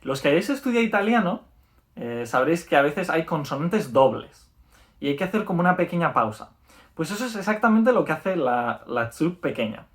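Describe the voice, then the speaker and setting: A man's voice: a little high, very animated. Upbeat Spanish man teaching a lesson. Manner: explanatory, repeats words slowly and checks in with "¿vale?". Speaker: language teacher. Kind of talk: video lesson.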